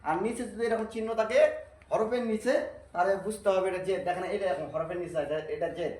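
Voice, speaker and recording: Guy doing quran reading drills, kinda high voice, echoey room. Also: a little mellow, slight background noise. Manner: repeats drills slowly and patiently, asks and answers own questions. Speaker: Quran teacher. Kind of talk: Arabic reading lesson.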